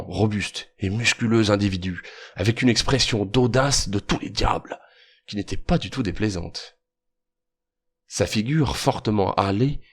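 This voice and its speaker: Low-voiced male audiobook narrator.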